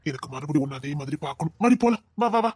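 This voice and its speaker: A woman's voice: deep voice, animated, rapid-fire, darkish tone, husky, no room sound. A woman voicing a possessive, lovesick young husband who pleads, coaxes and threatens in an amateur audio drama. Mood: pleading. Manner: pleading, insistent, swings between coaxing and threats.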